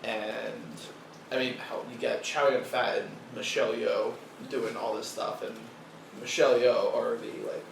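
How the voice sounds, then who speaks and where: A man co-hosting a casual film chat, laid-back and quick to laugh. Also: mid-range voice, flat delivery, creaky, recorded from a distance. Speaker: podcast co-host. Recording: echoey room, noisy, off-mic.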